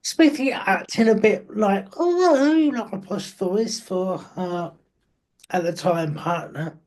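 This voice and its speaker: A man's voice: sits high, takes it slowly. A man hosting a casual interview, friendly and blunt, with a joking manner. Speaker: interview host.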